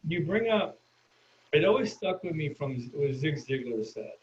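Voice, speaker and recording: Brief: upbeat male host, higher voice, muffled lo-fi line. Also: sing-song, normal speed. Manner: eager, chatty, enthusiastic. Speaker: podcast host, loan officer. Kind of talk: podcast interview. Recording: dull lo-fi audio, faint hiss.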